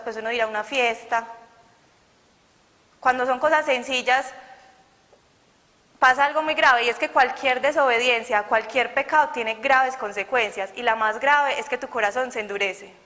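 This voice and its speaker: Young woman, earnest chatty preacher, higher voice, reverberant hall. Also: moderate pace, sharp tone. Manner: earnest, conversational, acts out quoted dialogue. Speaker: church youth speaker. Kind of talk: sermon with personal testimony.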